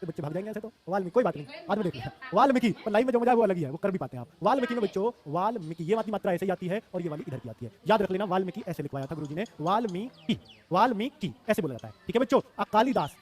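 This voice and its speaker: A man's voice: high-pitched, expressive, racing, few pauses. A man in his thirties with a Hindi accent, teaching a live online class for exam students, emphatic and repeating words to drill them.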